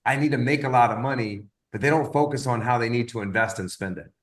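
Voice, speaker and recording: A man's voice: medium pitch, quick pace. Rambling fifties man giving motivational advice. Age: 50s. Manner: rambling, repeats words, animated storytelling. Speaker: wellness business coach. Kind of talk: casual motivational talk.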